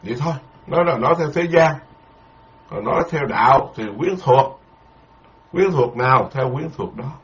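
A man's voice: mid-range voice, animated, moderate pace, long pauses. A man, a Buddhist monk giving a dharma lecture in a folksy, repetitive, emphatic way, full of proverbs. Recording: dull lo-fi lecture recording.

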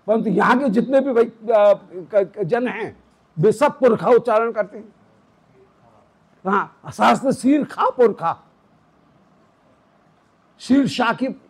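Slow breathy high-voiced male teacher. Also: a little mellow, poor audio. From South India roots. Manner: explanatory, demonstrates Vedic pronunciation. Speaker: religious teacher. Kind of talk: devotional scripture discourse.

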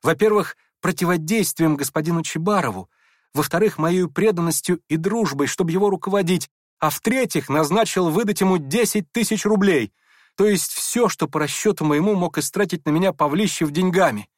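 Чтец за доброго князя: торопливо, виновато, искренне. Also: male voice, high voice, no echo, clean studio sound, voice pushed up, close to an everyday voice. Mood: earnest. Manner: hurried, apologetic, earnest. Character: meek, earnest, kind young prince. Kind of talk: audiobook character voice.

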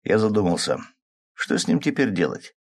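A man narrating a first-person audiobook in a calm manner, shifting his pitch slightly to voice the characters. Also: normal speed, breathy edge.

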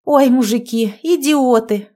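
A woman's voice: a little high, measured pace, warm tone, voice pushed up, close to an everyday voice. A woman reading an audiobook, voicing a blunt, exasperated young woman who scolds. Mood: scolding.

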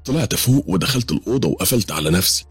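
Egyptian male horror narrator, deep and husky, dramatic and quick. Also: animated, no room sound. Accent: Egyptian Arabic. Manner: urgent, dramatic. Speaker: storyteller. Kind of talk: first-person horror story narration.

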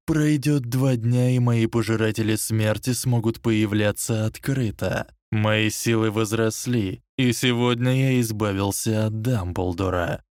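Voldemort, a cold dark lord put on by a man. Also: steady tone, no room sound, studio quality. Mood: coldly menacing. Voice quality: low, menacing, slow and deliberate. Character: cold menacing dark lord, male adult.

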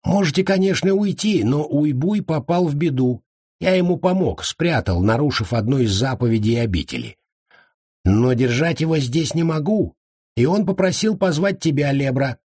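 A smug, teasing monk in an audiobook reading, voiced by a man. His delivery is husky, with plenty of pitch movement, and the recording is dry and close. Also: expressive, moderate pace, a little mellow, dry recording. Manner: mocking, self-satisfied. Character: smug fat joking monk, middle-aged man.

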